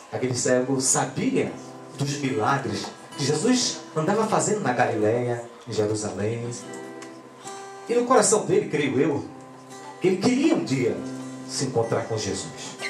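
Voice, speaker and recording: A man preaching a sermon, animated, swinging between loud exclamations and quiet asides. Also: medium pitch. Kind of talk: pentecostal sermon. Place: church hall. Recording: echoey church with guitar music. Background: guitar playing.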